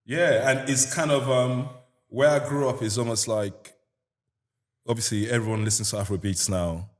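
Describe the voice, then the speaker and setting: A man's voice: medium pitch, moderate pace. A young adult man with a Nigerian accent, chatting casually as a guest and telling his story with easy laughs and street slang. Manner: relaxed, laughing, lots of "you get me" slang. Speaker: guest musician. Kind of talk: casual interview chat.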